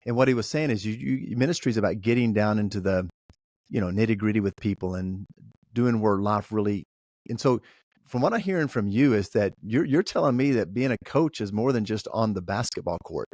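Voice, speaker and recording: A man's voice: on the low side, expressive, a little fast, a little mellow, no echo, clean studio sound. A man, a pastor, hosting a podcast interview and reflecting the guest's words back. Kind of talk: conversational interview.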